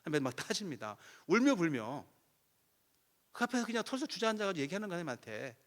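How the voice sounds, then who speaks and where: Korean pastor guy preaching at a revival, voice kinda high and swings all over, acts out little conversations. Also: fast. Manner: animated storytelling, acting out both sides of conversations. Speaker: guest pastor at a revival meeting. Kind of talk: sermon with acted prayer dialogue.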